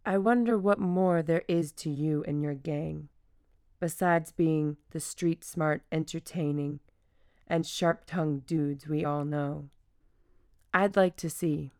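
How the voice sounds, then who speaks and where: Sweet mother-hen elephant lady played by a woman, smooth lowish voice, patient and encouraging. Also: fairly even intonation, slow pace, a little mellow, dry recording, clean studio sound. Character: kind, motherly female circus elephant.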